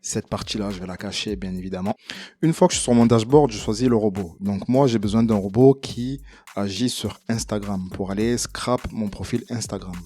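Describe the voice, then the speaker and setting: A man walking viewers through a casual screen-recording tutorial, chatty and relaxed with plenty of fillers and some self-deprecating humor. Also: on the low side, normal speed. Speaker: tutorial creator.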